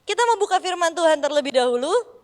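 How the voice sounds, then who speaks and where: A middle-aged woman pastor from Bandung with a Sundanese accent, preaching with lively storytelling and acted-out dialogue. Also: very high-pitched, fast, in a large hall. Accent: Sundanese-accented Indonesian. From Bandung, West Java. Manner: animated storyteller, acts out dialogue, addresses congregation as "saudara". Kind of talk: sermon with storytelling. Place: church hall.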